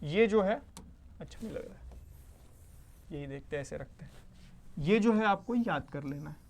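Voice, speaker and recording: A man's voice: on the high side, expressive, normal speed, gravelly, a little mellow. Male teacher quizzing himself aloud. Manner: asks and answers his own questions, with frequent check-ins; mixes Hindi with read-out English definitions. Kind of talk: online exam-prep lecture.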